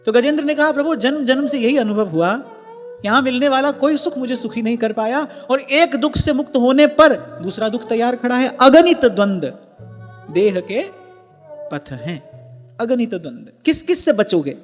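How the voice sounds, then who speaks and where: Male devotional preacher, very high voice, slow, explanatory; long hall reverb with faint music behind. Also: animated. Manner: earnest teaching, explains word emphasis with examples. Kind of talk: devotional discourse.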